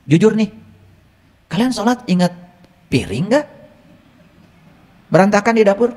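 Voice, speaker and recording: A man's voice: sits high, animated, a little slow, a little mellow, long reverb tail. A man with a Sundanese accent preaching a sermon, often quizzing his listeners and slipping into Sundanese asides. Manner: asks the audience questions often, teasing.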